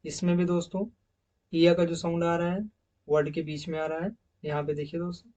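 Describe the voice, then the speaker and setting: A man's voice: on the high side, flat delivery, fairly quick, a little mellow, recorded from a distance, dull audio. A man teaching English pronunciation, saying each sound several times over and calling viewers his friends. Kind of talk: recorded slide lesson on pronunciation.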